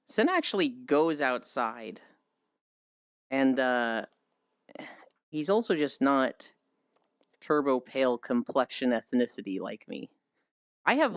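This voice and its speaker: A livestream host with a smooth, mid-range voice chats casually with viewers, reading and answering chat messages in a rambling, playfully teasing way with mild swearing. There's no room sound, but the audio is dull and lo-fi with music in the background.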